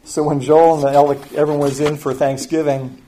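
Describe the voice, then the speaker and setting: An older man preaching a sermon as pastor, telling a family story in a conversational way and often dropping to a soft, quiet voice. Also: fairly high pitch, flat delivery, fairly quick, noisy background.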